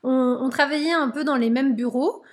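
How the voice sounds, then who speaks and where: A woman hosts a podcast with a high, light voice. She talks in a chatty, easygoing way and often turns to address the listeners directly. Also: moderate pace. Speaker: podcast host. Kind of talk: casual podcast interview.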